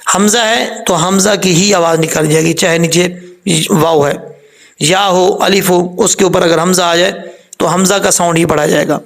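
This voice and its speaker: Male tajweed teacher, high voice, gravelly edge, patient and methodical. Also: fairly even intonation, a bit bright. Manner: patient, repeats common mistakes and corrections; slowly spells out letters and vowel marks. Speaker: Quran recitation teacher. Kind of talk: step-by-step tajweed lesson.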